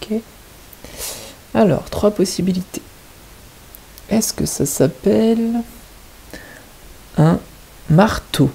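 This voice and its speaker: A woman's voice: medium pitch, animated, slow, gravelly, long pauses, warm tone, husky, poor audio. A woman teaching kindergarten children, patiently stressing each word and syllable. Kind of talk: teaching young children at home.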